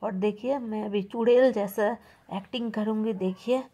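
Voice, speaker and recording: A young woman from India, chatting casually to her viewers as she walks them step by step through her prep, with quick excited exclamations. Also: medium pitch, husky. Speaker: prank vlogger. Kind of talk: casual vlog narration to camera.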